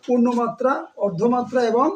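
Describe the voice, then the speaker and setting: Male teacher, strikingly high pitch, asks and answers his own questions, drawls words syllable by syllable. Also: darkish tone, rough recording. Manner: quizzes students with questions and answers them himself; repeats words slowly, stretching out syllables. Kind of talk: exam-prep grammar lesson.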